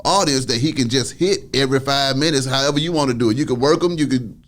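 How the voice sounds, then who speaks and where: A man hosting an interview, asking questions in slang and cheering his guest on with quick affirmations. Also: medium pitch, a bit bright. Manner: hyped, encouraging, lots of affirmations. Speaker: interview host. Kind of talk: casual interview chat.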